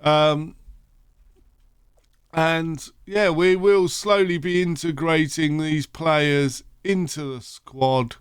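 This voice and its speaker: Man, sleepy, slow unhurried delivery, smooth clear voice, close desk mic, rambling game commentary. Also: on the high side, dry recording. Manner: rambling, relaxed, thinks aloud with fillers. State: sleepy, yawning. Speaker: gaming channel host. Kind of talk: casual let's-play commentary.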